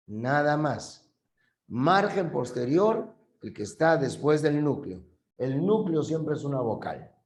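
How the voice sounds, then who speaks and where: Slow, patient male teacher. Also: on the high side, a little mellow, echoey room. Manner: patient, repeats key terms, checks understanding. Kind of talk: classroom language lesson.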